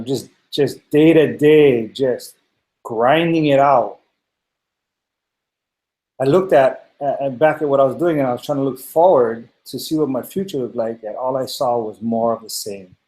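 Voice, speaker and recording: Man, 40s, from Hawaii, earnest webinar testimonial, middle pitch, echoey home-office sound. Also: darkish tone. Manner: earnest, many fillers and restarts. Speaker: panel guest.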